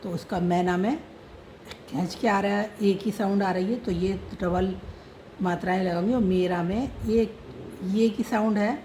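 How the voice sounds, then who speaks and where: Female teacher, slow and patient, mellow voice, faint noise behind. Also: mid-range voice, steady tone, low-quality recording. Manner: spells out letters patiently. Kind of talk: slow script lesson.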